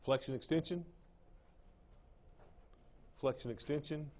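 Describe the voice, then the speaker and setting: A fairly high-voiced man with an East Texas drawl gives a classroom lecture. He repeats each term and keeps asking the room whether it makes sense. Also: slow pace, darkish tone. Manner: drawling, repeats terms, checks understanding with the class. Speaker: anatomy lecturer.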